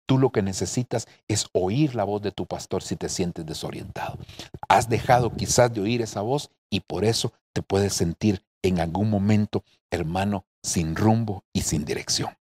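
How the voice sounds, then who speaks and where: A man's voice: on the low side, moderate pace, darkish tone, breathy edge. A middle-aged man preaching a sermon from home as a pastor, earnest and addressing his listeners directly.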